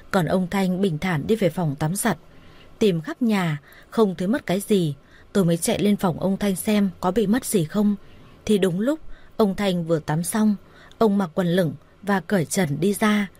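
A woman narrating a dramatic story in a steady, even voice. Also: mid-range voice, unhurried.

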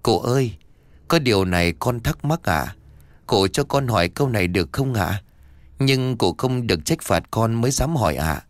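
A man's voice: fairly low pitch, lively intonation, normal speed, no echo, lightly acted. A man doing a fawning cheeky young ghost. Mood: pleading. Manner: pleading, fawning, polite.

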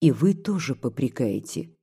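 A reader voicing a young peasant woman in an audiobook, devoted and anxious, speaking softly and pleadingly. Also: medium pitch, big pitch swings, moderate pace, gravelly, breathy edge, pitched below the performer's own voice, full character voice. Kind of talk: audiobook dialogue reading.

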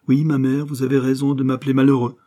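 A man's voice: mid-range voice, little pitch movement, fast, dark tone, voice pushed up, close to an everyday voice. A man reading an audiobook, voicing a torn young avenger who speaks to his mother in an earnest, solemn, pleading way. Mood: anguished. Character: anguished young avenger son, torn by conscience. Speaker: audiobook reader.

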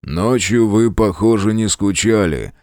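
A gloomy, sardonic police sergeant, as a male narrator puts him on drawls his remarks slowly and flatly. The voice is low and the recording dry. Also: no echo, close to an everyday voice.

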